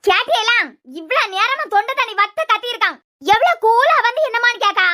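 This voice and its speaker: A shrill, bright-voiced cartoon grandmother with a Kanyakumari Tamil accent scolds and interrogates the family in rapid bursts. She is bossy and suspicious, as a woman voices her. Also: animated, full character voice. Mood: scolding. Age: older.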